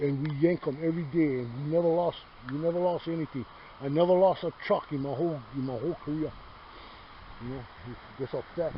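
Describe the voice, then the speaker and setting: A middle-aged man from Hawaii's Big Island with a Hawaiian Pidgin accent, talking casually outdoors in his yard, rambling, swearing freely and calling the listener brother. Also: a little high. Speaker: host. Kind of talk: casual chat. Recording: dull lo-fi sound with faint noise.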